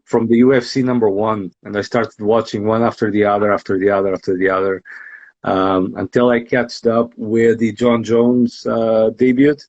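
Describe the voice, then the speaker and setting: Guy in his 30s, lowish voice, lots of ums and restarts, kinda muffled lo-fi sound. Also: a little mellow. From Portugal. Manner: halting, many restarts and ums. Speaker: podcast host and guest. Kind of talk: casual interview chat.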